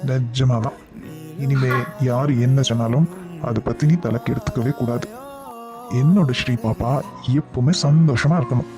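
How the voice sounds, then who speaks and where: A man voicing a caring, patient young husband in a cartoon, speaking in a gentle, coaxing way. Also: mid-range voice, normal speed, long pauses, music in the background, lightly acted.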